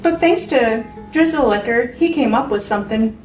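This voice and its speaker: A woman's voice: on the high side, lively intonation, moderate pace, a little mellow, soft background music, lightly acted. A woman playing a breezy, reassuring friend in a comedy sketch, casual and teasing. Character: breezy, reassuring female friend pushing a gadget. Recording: echoey room, distant mic.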